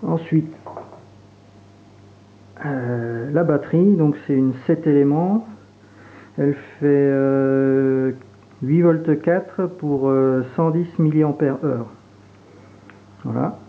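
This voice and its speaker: This airsoft reviewer from Franche-Comté has a slightly high voice, a regional French accent, a slow pace and long pauses. Relaxed but hesitant, he fills his casual unboxing and demo with fillers while handling the gear, over tinny, phone-like audio with a faint hiss.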